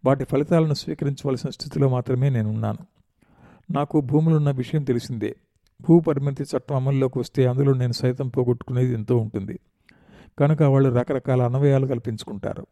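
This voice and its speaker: A man's voice: mid-range voice, warm tone, no echo, close to an everyday voice. A man voicing a composed male politician who explains his situation reflectively in a story reading.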